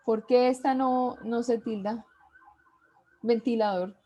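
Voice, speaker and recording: A woman teaching a class over a video call, her voice sitting a little high. She talks slowly and deliberately, reading lists of example words one at a time and pausing to ask the class questions. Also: steady tone, dark tone, muffled recording. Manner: slow, deliberate, reads out word lists. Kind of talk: online class lecture.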